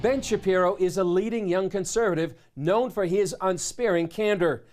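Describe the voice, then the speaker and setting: A man's voice: sits high, normal speed. A man with an American accent reading scripted introductions as a news anchor. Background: music.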